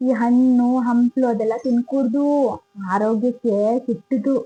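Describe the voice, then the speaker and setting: A woman's voice: on the high side, steady tone, normal speed, husky, narrow, tinny audio. A woman playing a strict, bossy old grandmother, scolding in a comedy sketch. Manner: scolding, insistent, old-fashioned advice.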